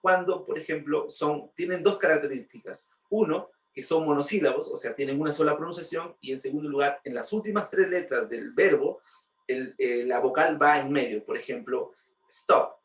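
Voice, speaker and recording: A man explains an English grammar lesson, patiently repeating points and checking in with rhetorical questions. His voice is fairly high and his pace normal, but he's off-mic and distant in a roomy recording.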